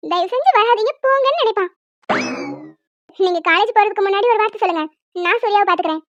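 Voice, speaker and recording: Woman doing a very high teasing young aunt. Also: fast, fairly bright tone, no echo. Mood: doting. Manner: teasing, scolding. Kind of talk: cartoon voice acting. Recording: dull dry lo-fi recording.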